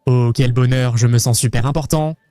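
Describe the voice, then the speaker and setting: Excitable man hosting a travel vlog. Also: mid-range voice, moderate pace, dry recording. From Argentina. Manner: excitable, playful, jokey. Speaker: travel vlogger host.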